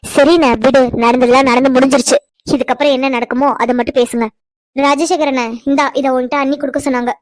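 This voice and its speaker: A woman's voice: high-pitched, steady tone, fast talker, no echo, close to an everyday voice. A woman voicing a grown sister in a cartoon, who scolds and teases her brothers with affection. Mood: teasing. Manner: scolding, teasing. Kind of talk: cartoon voice acting.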